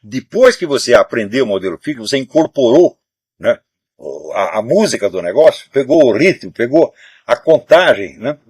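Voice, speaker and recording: A man's voice: medium pitch, big pitch swings, moderate pace, darkish tone, slightly rough, dry recording, clean studio sound. An older man from Brazil, host of his own show, talking in a loose, emphatic way, swearing often and ending phrases with a questioning tag. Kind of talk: casual spoken commentary.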